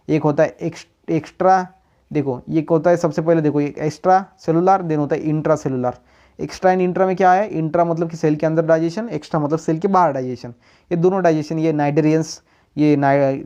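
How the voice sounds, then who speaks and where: A man's voice: fairly high pitch, mellow. A man teaching biology in a lecture, asking questions and answering them himself, and switching between Hindi and English terms. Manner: reads English notes slowly, then explains quickly. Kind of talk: classroom lecture. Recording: dull lo-fi recording.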